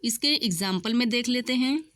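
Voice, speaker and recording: A woman teacher giving an exam-prep lesson in a steady explanatory tone, explaining examples one by one. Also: on the high side, normal speed. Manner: steady explanatory tone, mixes English words.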